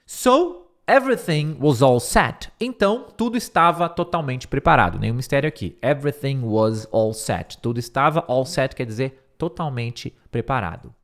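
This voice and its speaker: Man teaching English, drilling words slowly. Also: medium pitch, expressive, fairly bright tone. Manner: switches between slow, careful English phrases and quick explanations; repeats words many times to drill pronunciation. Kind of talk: English lesson explaining a speech line by line.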